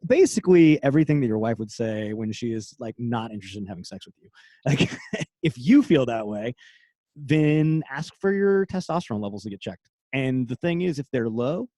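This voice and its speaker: A middle-aged man, a former special forces operator, speaking as a podcast guest in casual conversation, candid and quick to laugh. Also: medium pitch, expressive, mellow, no echo. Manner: candid, laughs often, trails off and restarts.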